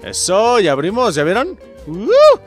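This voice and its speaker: Mexican guy playing a game and cussing at it, pitch jumping all over, game music faintly behind. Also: moderate pace. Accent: Mexican Spanish. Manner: excitable, swears and yells at the game. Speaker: gamer host. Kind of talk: let's play commentary.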